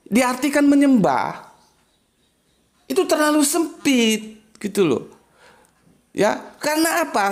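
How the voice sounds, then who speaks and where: A man teaches religion in a relaxed way. His pitch leaps up and down as he stresses points, asks rhetorical questions and gives spoken examples. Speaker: Islamic teacher. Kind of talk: casual religious lesson.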